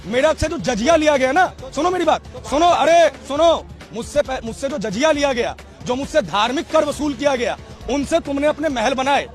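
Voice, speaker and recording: In an impassioned street debate, a man from Rajasthan, India, lectures and insistently repeats his questions. His voice is very high with lively intonation at a normal speed, and music plays behind him.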